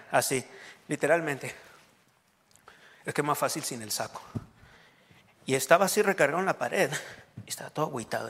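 A Mexican-accented pastor in his forties preaches in a joking, storytelling way. His voice sits a little high for a man. He teases his listeners as he goes. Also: a bit bright. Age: 40s. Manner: humorous storytelling, joking with the congregation. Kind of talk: sermon.

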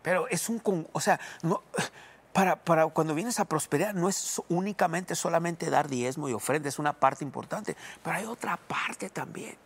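A male pastor preaching a sermon in an animated way, acting out inner voices and often repeating words. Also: on the high side, moderate pace, breathy edge.

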